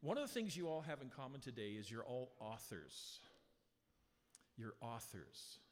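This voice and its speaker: With a strong, mid-range voice and big swings in pitch, this pastor delivers a sermon from the pulpit, chatting with the congregation through rhetorical questions. When he reads scripture, he slows way down and gets emphatic. A handheld or stand mic, mixed live, captures him in the church sanctuary's long hall reverb.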